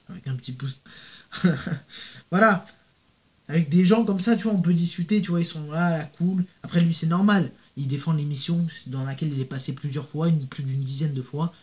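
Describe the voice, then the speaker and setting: With a slightly high, darkish voice, a young man responds to viewer comments in his casual vlog, reading each one out before rambling through a slangy answer aimed directly at the viewer. The YouTuber's audio is dull and lo-fi.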